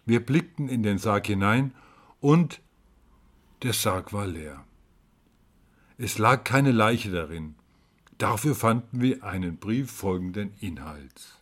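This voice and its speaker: A man's voice: lowish voice, animated, takes it slowly, long pauses. A man reading a spooky story aloud, dramatic and rising to cries at tense moments. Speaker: narrator.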